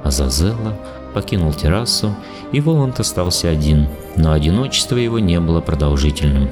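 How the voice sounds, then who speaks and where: A man narrating an audiobook in an expressive literary reading style. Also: low voice, brisk, loud music behind the voice.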